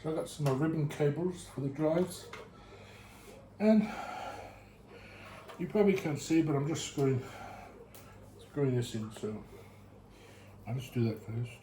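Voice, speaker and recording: A camera mic catches a warm, somewhat high male voice, speaking a little slowly and pausing often, as he builds a PC at home for his vlog. He sounds bored, mumbling to himself while he thinks out loud. Faint hiss and room echo are present.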